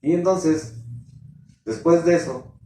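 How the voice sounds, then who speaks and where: A male pastor giving an animated sermon testimony, quoting his own prayers as he tells the story. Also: fairly high pitch, slow, a little hiss or hum. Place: church. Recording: echoey church hall, distant mic.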